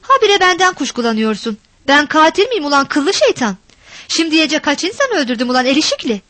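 A woman voicing a rough, quick-tempered village husband who curses and defends himself, read aloud from a storybook. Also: high voice, very animated, a bit bright, no echo, pitched above the performer's own voice. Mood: angry. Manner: gruff, cursing, defensive. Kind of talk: storybook reading.

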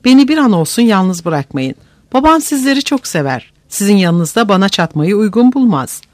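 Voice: mid-range voice, very animated, moderate pace, no room sound, natural voice. A narrator voicing a spoiled, proud young woman who is frightened and pleading, in an audiobook reading. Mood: anxious.

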